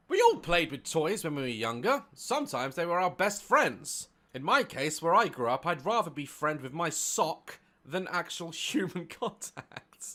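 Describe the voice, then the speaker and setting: A man's voice: a little high, pushed and bright. A man hosting a casual reaction video from his home office, joking and laughing often. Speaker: YouTube reaction host.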